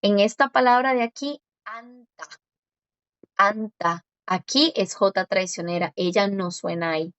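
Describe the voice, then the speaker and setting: A woman's voice: medium pitch, dry recording. Female tutor, patient explainer, dull dry recording. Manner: patient, explains step by step and repeats words slowly. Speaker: Korean language teacher. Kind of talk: one-on-one language lesson.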